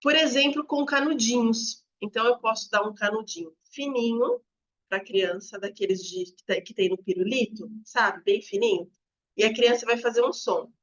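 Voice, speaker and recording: Woman educator, higher voice. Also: moderate pace, a bit bright, highs cut off. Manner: explanatory, demonstrates examples aloud. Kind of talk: teaching talk to teachers.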